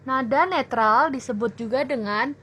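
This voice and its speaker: A young woman tutoring children in a language lesson, explaining clearly and patiently. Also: sits high, sharp tone. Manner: slow, clear teacherly explaining. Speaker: Mandarin tutor.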